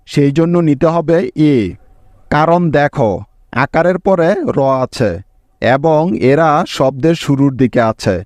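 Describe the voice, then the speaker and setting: Male teacher, patient lesson voice, spells letter by letter, slightly high pitch, dry close-miked recording. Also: darkish tone, no echo. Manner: slow, patient, spells out letters one by one and quizzes the viewer.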